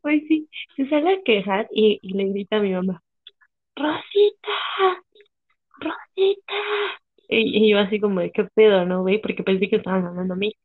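A woman's voice: medium pitch, fast talker. Slangy Mexican woman, tinny phone sound. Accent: Mexican Spanish. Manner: slangy, swearing, animated storytelling. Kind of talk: casual chat.

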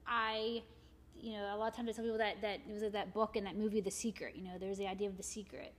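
A woman's voice: fairly high pitch, fairly bright tone. Rambling woman chatting casually. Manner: rambling, heavy on "you know" fillers. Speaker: guest, shop owner and arts volunteer. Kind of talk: casual conversation.

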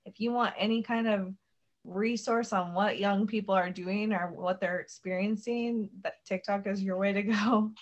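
A young American woman, a guest on a podcast, chats casually about her faith, her speech full of "like" and "um." She has a medium-pitched, steady voice at a moderate pace, and the high frequencies are cut off.

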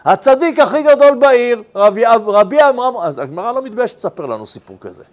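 A rabbi, a man with a high voice, teaches a Talmud lesson as a story. He shifts between raised and hushed tones and keeps checking in with his listeners by asking them questions. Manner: animated storyteller, swings between loud and hushed.

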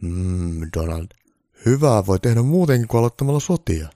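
A man voicing a calm, blunt old Santa Claus who speaks firmly and matter-of-factly, louder and a bit higher than his own voice. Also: dry recording. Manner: dry, matter-of-fact, firm.

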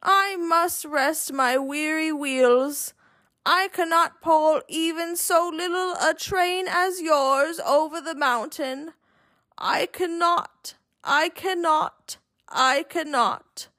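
Tired old rusty engine for a storybook, played by a woman: sighing, slow, drawn-out delivery. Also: high voice, bright, forceful tone, no echo, voice pushed up, exaggerated voice. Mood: weary, mournful. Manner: sighing, weary, dragging, mournful.

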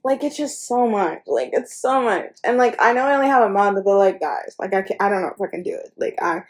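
Teen girl co-host, weary casual chat, trails off and sighs, mid-pitched voice. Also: expressive, fairly quick. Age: teens. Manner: tired, sighing, trails off often.

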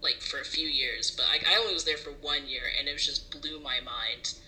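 Chatty Southern-raised young woman, lowish voice. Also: steady tone, fairly quick, noisy background. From American South. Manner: chatty, full of "like" fillers. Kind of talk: casual chat.

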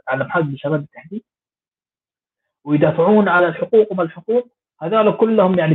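Man, satirical political rant, mocking tone, tinny lo-fi sound. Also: fairly high pitch. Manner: sarcastic, mocking, rapid rambling. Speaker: political commentator. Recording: tinny phone-like audio.

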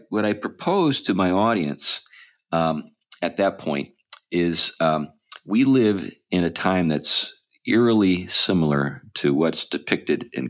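A man hosting a podcast, talking casually and rambling with many ums and restarts. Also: low voice. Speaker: podcast host. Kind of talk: casual chat.

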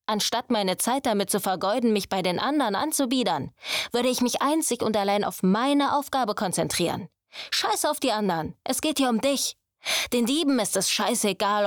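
A woman voicing a domineering young male thief mentor who scolds his apprentice with a raised, forceful voice. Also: medium pitch, no room sound, clean studio sound, natural voice. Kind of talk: audiobook character voice.

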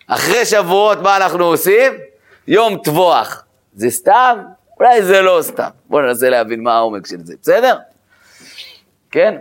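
A man with a somewhat high voice leads a Torah class as the rabbi. He talks in a loose, conversational way with casual fillers. He keeps asking rhetorical questions and checking whether his listeners are with him. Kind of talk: spoken Torah lesson to a group.

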